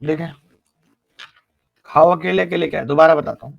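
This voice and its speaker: Gravelly Hindi-speaking math teacher. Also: male voice, on the high side, steady tone, moderate pace, dry recording, muffled recording. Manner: explains step by step, teases students with jokes. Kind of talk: live online math class.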